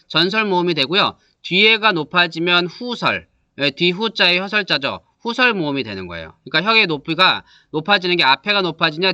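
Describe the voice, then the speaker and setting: A male teacher lecturing to his class, his pitch rising and falling animatedly as he explains. His voice is strikingly bright and slightly high, recorded dry with no room echo. He keeps checking in with quick questions and sounds examples out for students. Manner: models vowel sounds aloud for students to repeat.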